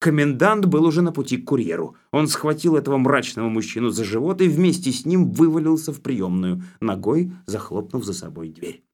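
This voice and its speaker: Expressive male audiobook narrator. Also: medium pitch, brisk, few pauses. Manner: lively, expressive storytelling.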